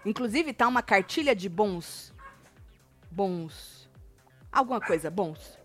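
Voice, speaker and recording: A woman's voice: mid-range voice, lively intonation, takes it slowly, a bit bright, faint music behind. A woman with a Brazilian Portuguese accent, hosting a casual live gossip commentary and animatedly acting out what others said.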